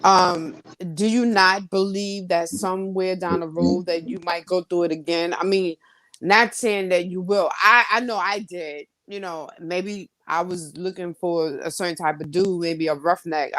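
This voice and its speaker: Woman podcast host, lowish voice, supportive, probing, dry sound. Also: a little slow, fairly bright tone, dry recording. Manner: supportive, asks probing follow-up questions. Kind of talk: interviewing, sharing own experience.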